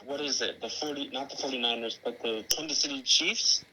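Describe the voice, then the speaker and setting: A man's voice: mid-range voice, fairly quick, pushed and bright, slight background noise, rough recording. A man calling in over a speakerphone, talking in an easygoing, polite and slightly puzzled way. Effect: heard over a speakerphone. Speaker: friend calling in. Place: at his parents' house.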